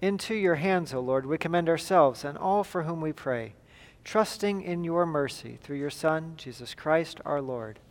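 A man leading liturgical prayer as a pastor, in a solemn, measured and formal way, with a long cathedral-like echo. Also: a little high. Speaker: pastor leading a church service. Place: large reverberant church.

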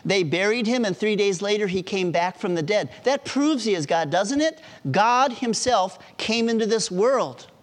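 A man's voice: high voice, lively intonation, moderate pace, few pauses, fairly bright tone, pitched above the performer's own voice. A man reading aloud and voicing a remorseful middle-aged man who has become eagerly convinced, speaking with earnest, rising insistence. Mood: eager conviction.

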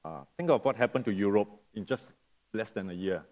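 A middle-aged Singaporean guest preacher gives a sermon, his voice nasal from a cough that hasn't cleared. It sits on the low side and is animated and a little mellow, with a friendly, unhurried pace and frequent pauses to rephrase.

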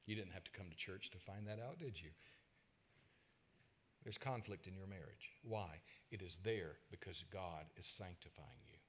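A man preaching a sermon, telling personal stories to his congregation and swinging between loud emphasis and quiet asides. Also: deep voice, measured pace, long pauses. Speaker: pastor.

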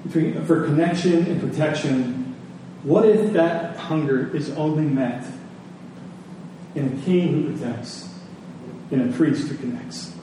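At a measured pace, a man with a somewhat high voice gives a sermon to a congregation, using repeated phrases and rhetorical questions to drive points home. It was recorded from a distance in a heavily echoing room with faint noise.

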